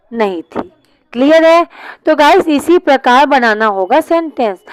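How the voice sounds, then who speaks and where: A woman's voice: high voice, smooth, no room sound, poor audio. A woman teaching an online English class, explaining step by step and answering her own questions.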